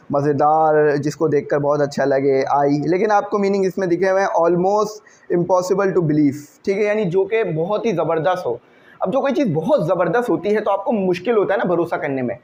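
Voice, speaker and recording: Slowly working through English vocabulary, this teacher punctuates his explanations with "okay" and questions to his class. He has a high-pitched voice with a darkish tone.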